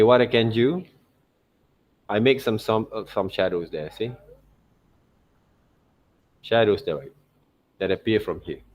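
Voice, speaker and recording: This muffled recording features a man with a voice on the low side teaching digital illustration through a casual software demo. He thinks aloud, regularly checking in with "okay" and "right."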